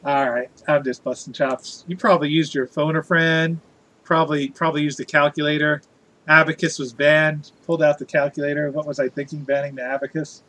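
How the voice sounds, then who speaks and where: A man's voice: a little high, level tone, a little fast, a bit bright, low-quality recording. A man chatting casually as a live streamer, reading out viewer comments in a playful, jokey, theatrical way.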